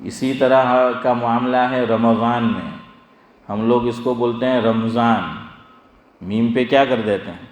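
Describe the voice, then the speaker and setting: A middle-aged religious scholar giving a sermon-style lesson, quizzing his listeners and calling on them by name as he slowly drills pronunciation. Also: mid-range voice, steady tone. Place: gathering hall, evening assembly. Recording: echoey hall with long reverb.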